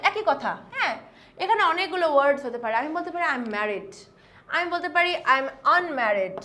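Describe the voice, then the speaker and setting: A young woman with a Bangladeshi accent teaching spoken English online, mixing Bengali explanations with slow, carefully spoken English example sentences. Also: high voice, fairly bright tone, a little hiss or hum. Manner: mixes Bengali with English, reads English examples slowly and deliberately. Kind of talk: online lesson.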